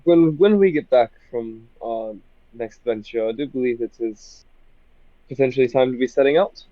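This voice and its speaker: A man playing a tabletop game over group voice chat on his phone, roleplaying a stiff, formal military officer with halting restarts. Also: medium pitch, dry recording. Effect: heard through group voice chat on a phone. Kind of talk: in-character roleplay and casual chat. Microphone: phone microphone. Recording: dull lo-fi voice chat audio, dry.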